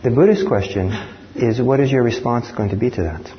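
A man from Norway giving a dharma talk as a meditation teacher, speaking in a reflective, measured way. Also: medium pitch. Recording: dull lo-fi talk recording with faint hiss.

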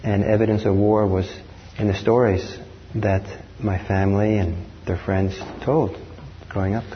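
A man from Norway gives a dharma talk in a reflective, measured way, his voice sitting fairly low. The recording is dull and lo-fi, with a faint hiss underneath. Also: level tone. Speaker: meditation teacher.

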